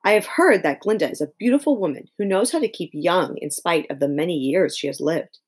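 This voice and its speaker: A woman's voice: on the low side, expressive, fairly quick, slightly rough. A woman reading a storybook, voicing a timid male soldier who explains things plainly. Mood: informative. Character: timid male soldier with green whiskers, informative.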